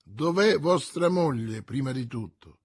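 A man voicing a stern, blustering male police commissioner who interrogates with brusque loud commands. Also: mid-range voice, expressive, measured pace, breathy edge, no room sound, studio quality.

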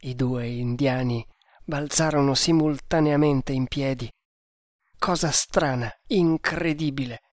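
Slow, dramatic male audiobook narrator. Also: medium pitch, no room sound, studio quality.

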